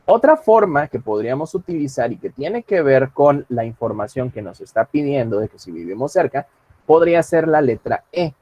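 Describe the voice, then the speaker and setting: A man teaching English in an online class, explaining calmly and reading English example lines slowly. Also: medium pitch, no room sound.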